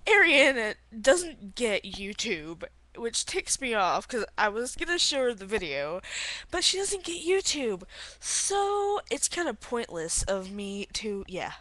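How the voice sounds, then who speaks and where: Young female vlogger, sleepy and giggly, rambling through a slow late-night video diary with a bright tone. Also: a little high, sing-song, no echo. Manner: rambling, giggly, lots of filler words. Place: bedroom at home. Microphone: laptop webcam.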